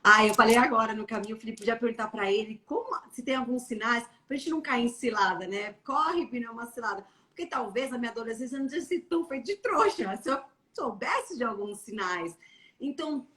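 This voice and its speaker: A young woman from Brazil chatting on a live stream in a blunt, animated way. Her voice sits fairly high, and she likes to slip into playful impressions of how people talk. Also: quick pace. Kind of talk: casual chat.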